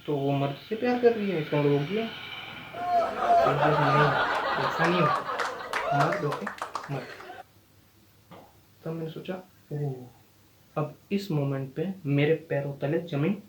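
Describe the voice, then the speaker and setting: A young man tells a stand-up story in a slightly high voice, playing out each quoted line with sudden bursts of energy. The room around him rings with echo, and a faint noise sits underneath. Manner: animated, acts out quoted lines with sudden loud jumps. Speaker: stand-up comedian and channel host.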